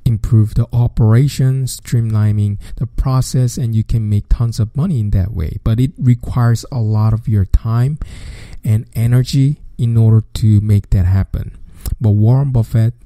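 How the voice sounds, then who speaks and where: Guy in his 30s, walks thru money stuff slow and methodical, dry close mic. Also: on the low side, no echo. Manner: steady, methodical explaining with simple repeated phrasing. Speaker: podcast host. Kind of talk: explanatory podcast lecture.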